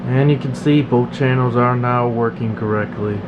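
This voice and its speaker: Steady background noise and a dull room hum fill the recording as a repair technician offers an informal, plain-spoken demonstration. He speaks in a mid-range voice at a moderate pace inside an electronics workshop.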